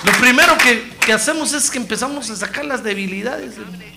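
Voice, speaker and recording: Un hombre que predica un sermón con mucha energía y representa diálogos con voces distintas. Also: male voice, extremely high pitch, quick pace, gravelly, a loud crowd, heavy background noise. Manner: lively, animated preaching that acts out dialogues. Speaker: preacher. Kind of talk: sermon.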